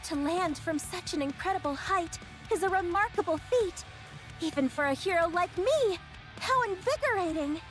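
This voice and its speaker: A woman's voice: very high voice, expressive, normal speed, faint music behind. A woman voicing brash, theatrical young heroines in an anime video game. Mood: triumphant, showy.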